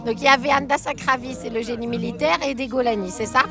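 Brisk high-voiced woman reporter. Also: steady tone, music in the background. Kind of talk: field interview questions.

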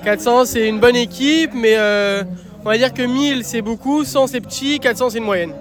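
A man in his twenties, a volunteer, answering a street interview at a barbecue in a relaxed, casual way. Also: extremely high pitch, moderate pace, soft background music. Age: 20s. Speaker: volunteer organizer. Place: outdoors at an evening barbecue.

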